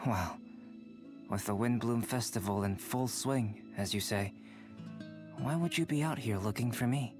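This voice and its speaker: A man's voice: medium pitch, music in the background, natural voice. A man voicing Albedo, a composed cerebral young alchemist. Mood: polite, mildly curious. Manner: measured, polite, composed. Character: calm, cerebral young male alchemist, politely aloof. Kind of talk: video game voice acting.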